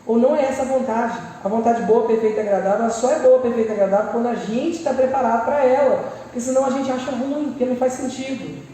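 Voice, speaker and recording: A woman with a Brazilian accent preaching a lively sermon and acting out people's prayers with humorous asides. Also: on the high side, quick pace, hardly any pauses, slight background noise. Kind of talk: church sermon. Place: large church hall. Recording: echoey church hall, mic far off.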